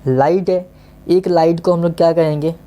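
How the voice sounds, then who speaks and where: Coaxing teacher. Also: male voice, a little high, steady tone, moderate pace, dark tone. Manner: coaxing, keeps checking if students understood. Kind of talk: casual online maths lesson.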